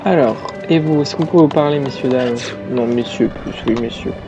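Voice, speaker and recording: A man's voice: medium pitch, moderate pace, dull audio. Tired man chatting over a game. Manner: chatty, rambling asides. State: tired, yawning. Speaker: let's play gamer. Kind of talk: casual gameplay commentary. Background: game music.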